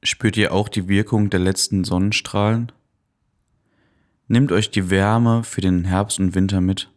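A man softly and calmly narrating a guided meditation in a soothing manner, as the host of a relaxation podcast. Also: low-pitched, measured pace.

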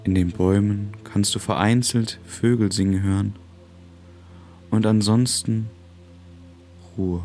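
A man narrating a guided relaxation in a calm, gentle, soothing way, with long pauses. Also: on the low side, soft background music. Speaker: podcast host.

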